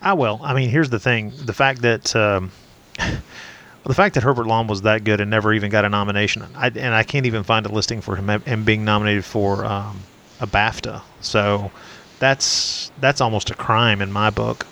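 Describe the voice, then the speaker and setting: A man co-hosting a casual film podcast, talking in a measured, analytical way. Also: lowish voice, steady tone, vocal fry, pushed and bright. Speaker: podcast co-host.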